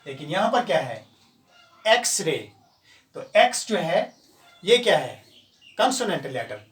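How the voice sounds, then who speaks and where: A man teaching an English grammar lesson, explaining step by step and repeating examples slowly. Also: fairly high pitch, big pitch swings, a bit bright. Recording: echoey room, voice from far off.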